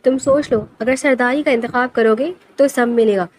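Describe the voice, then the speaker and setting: A woman's voice: fairly high pitch, fairly even intonation, a little hiss or hum, natural voice. A woman voicing an angry, domineering grandfather who heads the clan, speaking in a firm, final way in a storybook reading. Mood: stern commanding. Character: stern old male clan patriarch, commanding.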